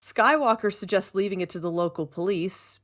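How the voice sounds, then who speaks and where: A woman co-hosting a podcast, recapping an episode in casual chat, animated and giggly with sarcastic asides. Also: mid-range voice, moderate pace. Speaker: podcast co-host.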